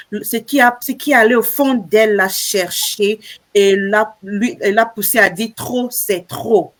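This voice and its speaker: Brief: woman host of a live stream, mid-pitched voice, emphatic and repetitive. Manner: warm, emphatic, repeats herself. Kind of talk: hosting a group live stream.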